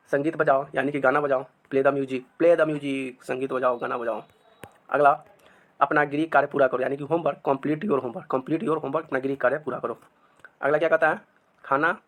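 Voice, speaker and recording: Man, English teacher, slow repeated drills, fairly high voice. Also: a bit bright. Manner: says each English sentence very slowly, then repeats it. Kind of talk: spoken English lesson.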